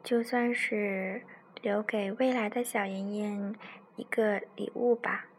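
A woman telling a bedtime story to her child as a mother, in a soft, tender, gentle way, with music playing faintly behind. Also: mid-range voice, fairly even intonation, slow, a little hiss or hum.

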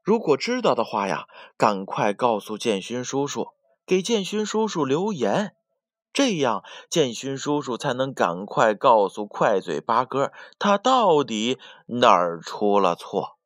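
A man narrating a children's bedtime story, speaking gently and directly to the little listeners. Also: mid-range voice, big pitch swings, a little slow, no echo, studio quality.

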